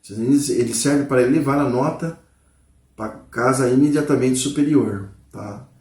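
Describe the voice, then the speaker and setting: Here the guitar teacher's voice is medium in pitch and a little mellow, moving at normal speed with a reverberant sound. It's a casual lesson: he plays, names the notes out loud, and patiently checks on the viewer with repeated "tá?" and "né?"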